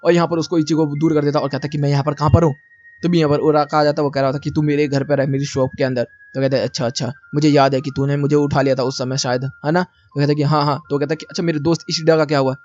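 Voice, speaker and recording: A man's voice: a little high, level tone, rapid-fire, darkish tone. A man giving a chatty, slangy recap of an anime, talking to viewers like friends. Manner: chatty, addresses viewers as brother, slangy asides. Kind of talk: casual spoken recap narration. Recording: dull lo-fi recording.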